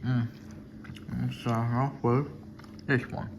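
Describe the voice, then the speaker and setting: There is clear noise on this amateur recording of a man with a medium-pitched voice. He chats casually as the host of a tasting video. His remarks come in short, repetitive mutters between bites. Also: little pitch movement, slow. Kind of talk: casual mukbang chat with food reactions.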